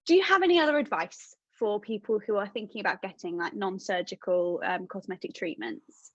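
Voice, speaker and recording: A woman hosting a podcast, briskly recapping points and reacting in a lively way to her guest. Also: mid-range voice, no echo. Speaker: podcast host. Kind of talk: casual podcast chat. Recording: dry, dull sound.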